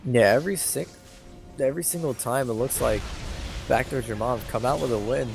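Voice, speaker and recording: A man with a mid-pitched voice analyzes an esports match as a co-caster, explaining plays and stumbling over words in the excitement. Game music runs clearly behind his headset voice. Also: fairly quick. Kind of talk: live color commentary.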